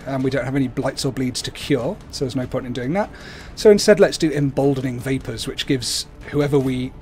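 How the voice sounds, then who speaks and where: A man's voice: mid-range voice, darkish tone. Man giving casual game commentary. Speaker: livestream host playing a video game. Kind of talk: casual explanatory gameplay commentary. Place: indoors at a computer, webcam.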